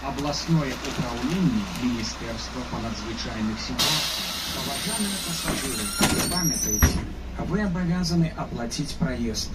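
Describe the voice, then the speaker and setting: A man reading formal, measured stop announcements, played over the loudspeaker of a moving city bus. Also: medium pitch, animated. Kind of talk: recorded public transport announcements. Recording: echoey loudspeaker heard from far off with loud engine noise.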